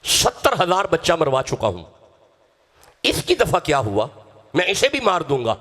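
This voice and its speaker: A man's voice: on the high side, wildly swooping pitch, a bit bright, heavily acted. A man voicing a cruel, threatening tyrant king in a dramatized sermon story. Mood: menacing.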